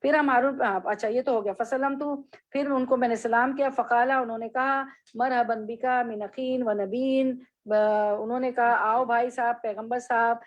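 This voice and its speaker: A woman with a fairly high voice teaches a classroom lesson. She reads short Arabic phrases slowly, then explains and drills them patiently, repeating words for her students. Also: fairly even intonation, muffled recording. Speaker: Islamic studies teacher.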